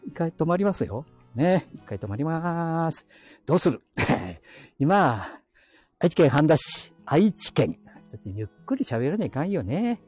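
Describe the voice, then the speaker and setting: A man with an Aichi dialect, streaming live while walking quiet residential streets, chatting to himself with chuckling asides on a hand-held phone. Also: a little high, big pitch swings, a little slow, breathy edge, faint music behind. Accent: Aichi (Nagoya-area dialect). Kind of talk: casual rambling walk-and-talk.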